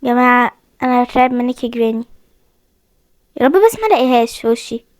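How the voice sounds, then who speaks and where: A young woman's slightly high, animated voice comes through fast as she plays a horror game and chats with her audience. She has an Egyptian Arabic accent, hosts gaming videos, and keeps mentioning how frightened she is in this casual commentary. The recording is studio quality with no room sound.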